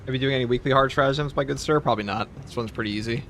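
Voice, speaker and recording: A man's voice: mid-range voice, rapid-fire, a little hiss or hum. Laid-back man streaming a game. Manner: relaxed, rambling, many "like" fillers. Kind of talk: casual livestream commentary answering chat. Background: game music and sound effects.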